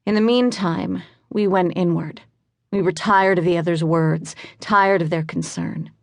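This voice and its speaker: A woman narrating a fantasy audiobook in a measured, somber way. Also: lowish voice, fairly even intonation, no echo.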